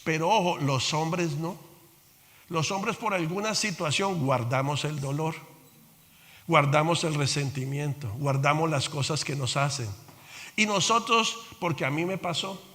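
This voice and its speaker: A man from Colombia preaching a sermon as pastor, animated, jumping between loud exclamations and quiet asides. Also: a little high, measured pace. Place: church sanctuary. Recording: long church hall reverb.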